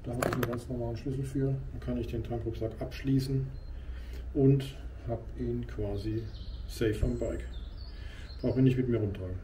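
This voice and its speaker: A man's voice: medium pitch, fairly even intonation, normal speed. A man casually talking through his motorcycle gear as he rides and works in his garage, explaining things hands-on. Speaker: motovlogger. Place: garage and riding outdoors on a motorcycle. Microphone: helmet camera mic. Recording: road and engine noise.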